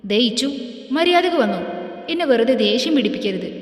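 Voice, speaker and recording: A woman's voice: a little high, animated, a little fast, close to an everyday voice. Brief: woman reading the part of a furious loyal friend, scolding, roomy echo. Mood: angry. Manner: scolding, demanding. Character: enraged loyal young man friend. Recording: echoey room with long reverb.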